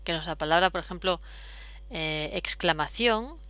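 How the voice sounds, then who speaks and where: A woman's voice: lowish voice, normal speed, bright, forceful tone, clean tone, dry recording. A woman, explaining step by step as a teacher, patient, with frequent fillers. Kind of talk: explaining at a whiteboard.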